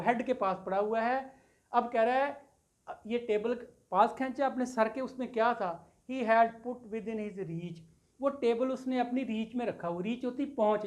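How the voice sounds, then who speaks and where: A woman's voice: fairly high pitch, darkish tone. Woman teacher explaining line by line. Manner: explains line by line, repeating and glossing English words, addresses students as "beta". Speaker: English teacher. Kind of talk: classroom lecture explaining a poem.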